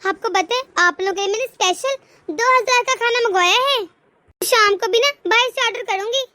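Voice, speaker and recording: A woman voicing a complaining, sharp-tongued young wife in a cartoon story. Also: extremely high pitch, brisk, a little hiss or hum. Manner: whiny, indignant.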